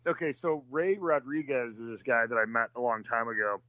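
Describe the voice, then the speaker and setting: A man's voice: mid-range voice, fairly quick, bright, forceful tone, no echo. A man who races cars, chatting casually and rambling with lots of fillers and restarts. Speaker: racing driver. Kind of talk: casual chat. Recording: dull lo-fi sound.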